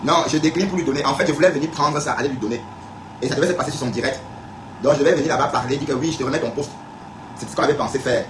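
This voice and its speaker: A man's voice: mid-range voice, rapid-fire, background noise. A man from Cameroon blogging on a live stream, talking casually and emphatically to viewers and repeating his points. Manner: emphatic, repetitive, addresses viewers directly. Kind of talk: casual live-stream talk replying to comments. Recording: echoey room, faint background ambience.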